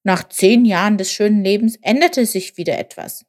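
A woman's voice: mid-range voice, normal speed, darkish tone, lightly acted. A woman voicing a small, clever male jackal who tells tales in a knowing, slightly scornful way. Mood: wistful. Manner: knowing, leisurely storyteller.

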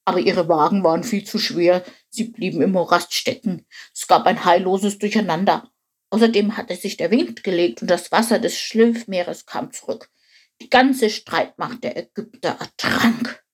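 Breathy woman reading a children's story. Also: fairly low pitch, normal speed. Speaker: storybook narrator.

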